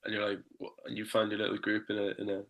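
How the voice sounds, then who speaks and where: A man's voice: lowish voice, monotone, fast talker, vocal fry, fairly bright tone. A man chatting casually in an interview as a band member, searching for his words.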